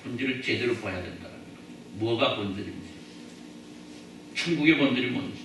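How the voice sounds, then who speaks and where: Chatty pastor in an echoey church. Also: male voice, mid-range voice, animated, a little fast, a bit bright, a little hiss or hum. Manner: chatty, joking, asks the congregation questions. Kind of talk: sermon. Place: church sanctuary. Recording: echoey church hall, mic at a distance.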